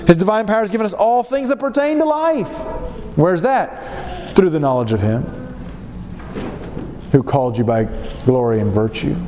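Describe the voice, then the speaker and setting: His voice sits high and is mellow, with lively intonation, normal speed, and frequent pauses, though a cold leaves him stuffed up and pinched-nosed. He preaches a Bible lesson emphatically, leaning on repetition and rhetorical questions. Long reverb and faint background noise fill the echoey hall.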